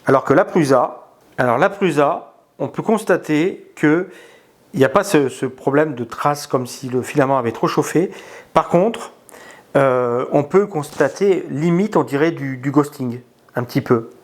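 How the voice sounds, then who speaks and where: A man giving a casual spoken product review, hesitant, with many pauses and filler sounds. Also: a little high. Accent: non-native in English words.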